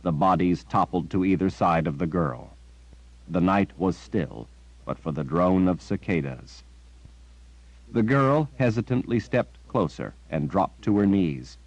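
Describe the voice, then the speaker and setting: Deep-voiced male audiobook narrator. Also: expressive, measured pace, a little mellow, no room sound, highs cut off. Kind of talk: scripted narration.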